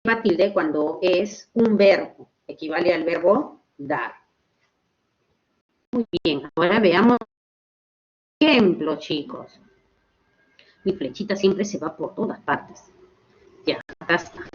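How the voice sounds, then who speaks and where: Slow woman teaching online. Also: on the low side, animated, lo-fi sound. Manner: slow, explanatory, checks in with "¿ok?". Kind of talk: online class lecture.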